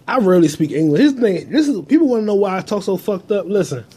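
A man's voice: high voice, animated, fast talker, warm tone, slight background noise. A man hosting a solo podcast, talking in a crude, rambling, profane way into a phone held in his hand. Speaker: podcast host. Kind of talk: casual solo monologue.

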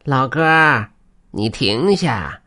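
A man voicing a male weasel spirit who slowly, coaxingly begs to be told he looks human. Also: medium pitch, lively intonation, pushed and bright, voice pushed up, exaggerated voice. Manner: slow, coaxing, drawn-out asking.

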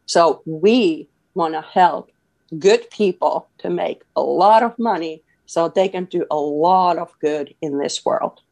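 Low gravelly woman. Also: slow, a little mellow. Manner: earnest, many fillers and restarts. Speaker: podcast guest, author. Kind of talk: casual interview talk.

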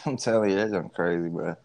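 A man's voice: low voice, fast, darkish tone. A young man chatting casually as a co-host, slangy and joking, in the easy manner of a guy talking with his bros. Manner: laid-back bro talk, slangy, joking.

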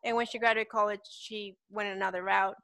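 A woman's voice: medium pitch, little pitch movement, brisk, gravelly, fairly bright tone, no echo. A woman in her twenties from El Salvador with a Salvadoran Spanish accent, chatting casually as an interview guest and saying "like" a lot. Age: 20s. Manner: chatty, uses "like" often. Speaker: guest, petite model.

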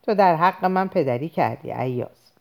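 A woman's voice: sits low, animated, vocal fry, darkish tone. A woman voicing an aging, anxious, pious father who talks in a pleading, fearful way in an audiobook reading.

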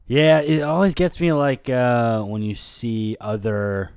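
A man's voice: mid-range voice, steady tone, slow pace, gravelly, a little mellow, smooth, no echo, studio quality. A man co-hosting a podcast, dropping short interjections and swearing casually. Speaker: podcast co-host. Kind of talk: casual chat.

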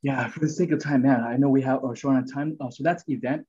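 Husky, mellow-voiced man teaching scripture. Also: mid-range voice, steady tone, fast, lo-fi sound. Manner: rambling, earnest, many fillers and restarts. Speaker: podcast host. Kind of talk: casual Bible teaching chat.

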